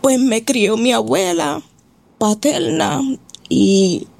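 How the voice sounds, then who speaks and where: A woman's voice: fairly high pitch, lively intonation, slow pace, gravelly, a little mellow. A Puerto Rican woman giving her personal testimony as a guest in an interview, talking hesitantly with many filler words. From Puerto Rico.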